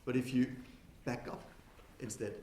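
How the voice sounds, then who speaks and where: A man giving a lively conference talk to an audience, who keeps asking them questions and swings from loud to soft on purpose. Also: medium pitch, unhurried. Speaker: conference speaker. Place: windowless conference hall. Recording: echoey hall with faint noise.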